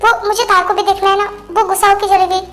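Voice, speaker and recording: A woman voicing a gentle, protective young man who speaks softly and soothingly, over faint music. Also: extremely high pitch, flat delivery, fast talker. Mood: concerned.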